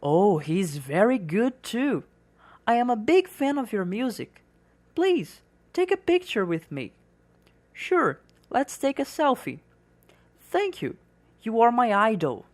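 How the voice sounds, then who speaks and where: A woman reading the part of an excited fan meeting a rock star, in slow, carefully pronounced English. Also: fairly high pitch, heavily acted.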